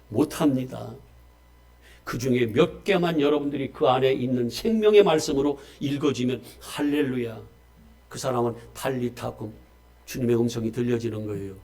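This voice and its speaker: A male pastor preaching a Sunday sermon, swinging between loud emphasis and quiet asides and calling on the congregation for amens. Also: mid-range voice, creaky. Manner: asks the congregation questions and calls for amens.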